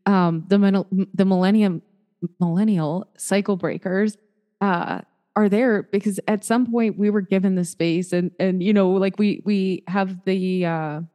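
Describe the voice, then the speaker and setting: A woman podcast co-host in casual chat, speaking reflectively and haltingly, with frequent fillers. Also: medium pitch, steady tone, warm tone, clean tone, long reverb tail.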